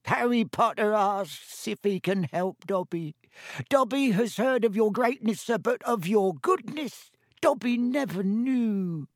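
A man voicing a small, servile male house elf in an audiobook, squeaky and strained, fawning and pleading. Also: lively intonation, unhurried, no room sound, studio quality. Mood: reverent. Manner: pleading, talks of himself in third person. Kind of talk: audiobook character voice.

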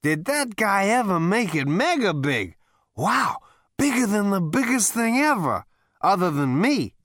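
A loud show-off alien dude, way higher than his own voice, bouncy. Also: very animated, unhurried, no echo, studio quality, heavily acted. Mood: astonished. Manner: whooping, showy, overexcited. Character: brash boastful male alien adventurer.

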